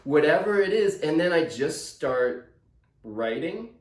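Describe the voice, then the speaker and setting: A visiting author chats with schoolchildren on a video call that sounds echoey and roomy. His voice runs high and is very animated, yet he takes his time. He explains things casually and with clear enthusiasm.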